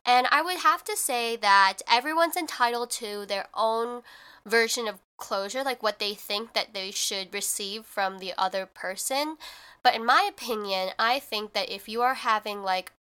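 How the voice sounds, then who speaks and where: Chatting casually as the host of her own podcast, this young adult woman speaks at a moderate pace in a fairly high, pushed, bright and smooth voice. A cold seems to have left her stuffy and noticeably nasal, and her talk is full of "like."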